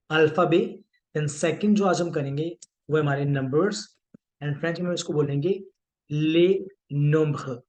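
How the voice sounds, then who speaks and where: Slow, careful male teacher. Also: fairly high pitch, a little mellow. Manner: mixes Hindi and English, repeats sounds slowly for learners. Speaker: French teacher. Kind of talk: language lesson at a whiteboard.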